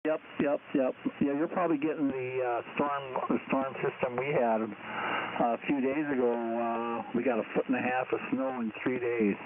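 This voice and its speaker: A man's voice: mid-range voice, fairly even intonation, normal speed, narrow, tinny audio, a loud crowd. A man checking in with casual chat over a walkie-talkie-like two-way radio. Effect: heard over two-way radio, like a walkie-talkie. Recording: thin, band-limited shortwave radio with static. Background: radio static.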